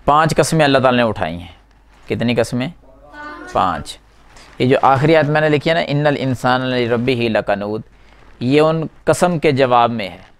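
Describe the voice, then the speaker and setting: A man's voice: mid-range voice, clean tone. A man teaching a class at a whiteboard, explaining a verse word by word, putting questions to the students and answering them himself. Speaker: Quran teacher.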